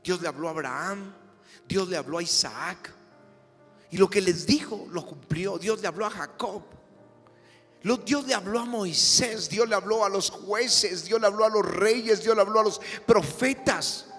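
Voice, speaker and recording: A man's voice: high-pitched, unhurried. Impassioned male pastor in a reverberant hall. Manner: impassioned, rising to shouts. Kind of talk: sermon. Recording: long hall reverb with music behind. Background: soft music.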